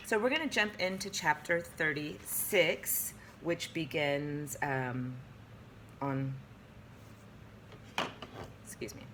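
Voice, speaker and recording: Young woman, teacher, chatty, distracted, low voice, webcam at home. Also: big pitch swings, slow, pauses often, background noise. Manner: chatty, easily distracted, playful. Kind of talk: reading a novel aloud and discussing it.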